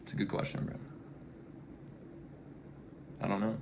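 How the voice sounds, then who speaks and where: A young man talking in a casual, rambling way, full of slang and "you know", often dropping into mumbled, breathy asides. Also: a little slow, a little hiss or hum. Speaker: vlogger. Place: backyard outdoors.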